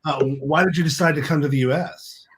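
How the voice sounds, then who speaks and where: A man co-hosts a relaxed interview show, asking questions in a friendly way and often tripping over and restarting his words. His voice sits on the high side for a man. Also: fairly quick, husky. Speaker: co-host. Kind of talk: casual interview hosting.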